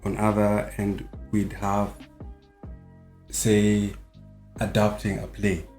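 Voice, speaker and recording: A man with a Kenyan accent, a stage actor talking as a guest, quiet and hesitant, often checking in with "yeah?". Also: on the low side, completely flat delivery, takes it slowly, faint music behind. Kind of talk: interview answers.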